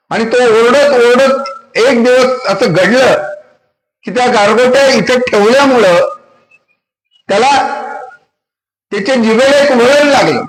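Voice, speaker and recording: A man with a very high voice preaches a devotional sermon, telling a story with emphatic, repeated phrases. His voice rings through an echoey hall. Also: fairly bright tone. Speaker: kirtan preacher.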